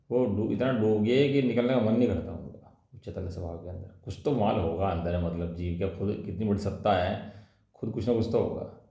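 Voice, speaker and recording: A man explains scripture in a colloquial religious discourse, using rhetorical questions, tag words and repeated key phrases. His voice is on the low side and warm, while the audio is dull and echoes around a reverberant room.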